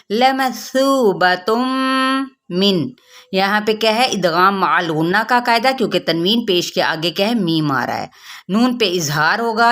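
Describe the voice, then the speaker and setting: A woman teaching Quran recitation rules, chanting verses slowly and then explaining the pronunciation step by step, asking and answering her own questions. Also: mid-range voice, a bit bright. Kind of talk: tajweed lesson with slow chanted recitation.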